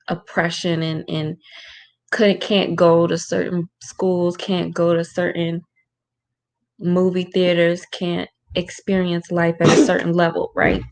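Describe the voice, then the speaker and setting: A woman spiritual teacher hosting a casual Q&A from a room at home. She keeps her voice lowered and talks in an informal, rhetorical way, often checking in with "right?". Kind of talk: casual livestream talk with Q&A.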